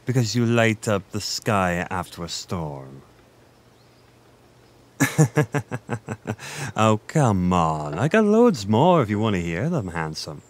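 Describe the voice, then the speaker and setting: With a voice on the low side and deliberately exaggerated, a man voices a gentle, flirtatious Irish innkeeper who teases and pokes fun at himself. The roleplay audio is intimate and conversational, with a little hiss or hum.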